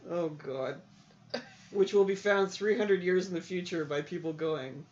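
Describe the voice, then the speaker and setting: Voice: mid-range voice, unhurried, darkish tone. A podcast co-host in casual chat who teases with dry jokes, on dull lo-fi audio.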